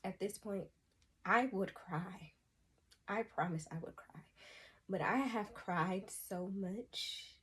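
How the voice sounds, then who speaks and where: A woman's voice: medium pitch, husky. A young adult woman from the United States giving an emotional personal testimony to camera, earnest, sighing often and calling her viewers y'all. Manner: earnest, addresses viewers as y'all, frequent sighs.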